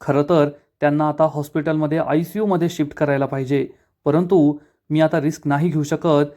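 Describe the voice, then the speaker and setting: A man's voice: a little high, fairly even intonation, mellow, lightly acted. A man voicing a serious middle-aged doctor giving grim news in a retold drama. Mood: grave. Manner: serious, measured, quick explanation. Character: grave, calm middle-aged male doctor.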